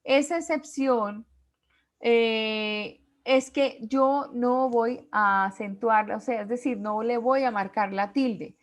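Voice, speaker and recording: Slow, deliberate woman teacher. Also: a little high, fairly even intonation. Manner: slow, deliberate, reads out word lists. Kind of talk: online class lecture.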